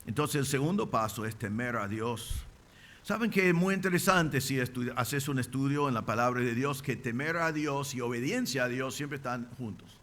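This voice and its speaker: A man's voice: mid-range voice, expressive, normal speed, a bit bright. A man preaching a sermon as pastor, emphatic, with rising bursts and rhetorical questions. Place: church.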